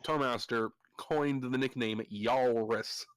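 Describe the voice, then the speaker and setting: A man running a tabletop game as game master, laughing often and explaining things quickly. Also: medium pitch, steady tone, smooth, no room sound, rough recording.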